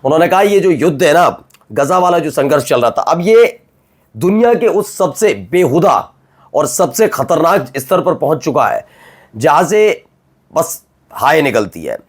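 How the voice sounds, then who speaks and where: A man's voice: a little high, animated, a little slow, slightly rough. A man presenting the news in a conversational, emphatic way, asking rhetorical questions of his viewers. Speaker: news anchor.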